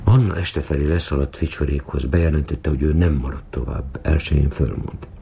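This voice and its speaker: Deep, gravelly man reading a novel aloud on old radio; measured, dull-sounding recording. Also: slight background noise. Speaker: narrator.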